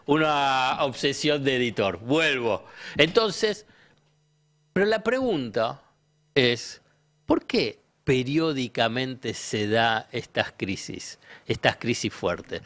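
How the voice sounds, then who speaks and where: A man's voice: mid-range voice, a bit bright. A man with an Argentine accent, a guest economist on a talk show, explaining ideas didactically by asking questions and answering them himself. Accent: Argentine Spanish.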